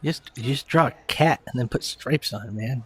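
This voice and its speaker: A man's voice: medium pitch, fairly quick, slightly rough. A man co-hosting a podcast, teasing and joking in casual chat. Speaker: podcast co-host.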